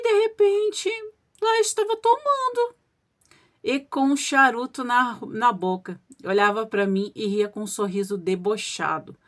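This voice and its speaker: A woman's voice: a little high, a bit bright. A woman narrating a supernatural account in the first person, chatting directly to her listeners. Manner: conversational, addresses listeners directly. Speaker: storyteller reading listener accounts.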